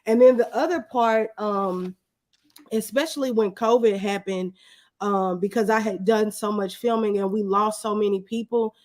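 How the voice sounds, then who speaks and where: Appearing as an interview guest, this videographer talks at a moderate pace in a medium, slightly mellow voice. Her answers are anecdotal and chatty, and she performs bits of dialogue from the stories she tells.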